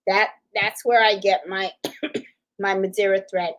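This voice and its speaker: A woman's voice: mid-range voice, steady tone, slow, low-quality recording. A woman in her fifties hosting a casual livestream, chatting in a rambling way, laughing easily and answering viewer comments. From Puerto Rico. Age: 50s. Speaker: livestream host.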